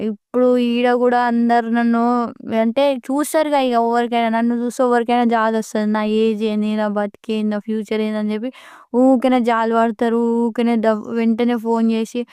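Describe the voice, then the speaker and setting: A young woman with a Telangana Telugu accent talks slowly and sorrowfully in a personal vlog. Her voice is clear and stays on a flat, even pitch. The sound is dry and close to the mic. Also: no echo. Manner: slow, sorrowful storytelling. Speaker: vlogger. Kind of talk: casual personal vlog talk.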